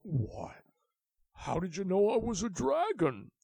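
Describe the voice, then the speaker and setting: An eager young dragon in a bedtime story, voiced by a man. He sounds earnest and hopeful, with a gravelly, husky edge. His voice lifts higher when he gets excited. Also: slow, no echo, clean studio sound, full character voice. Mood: surprised.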